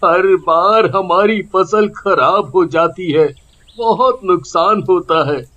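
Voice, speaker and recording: A man's voice: high-pitched, slow pace, fairly bright tone, heavily acted. A man voicing a worried, anxious poor farmer in a cartoon story. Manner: anxious, complaining. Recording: dull lo-fi sound.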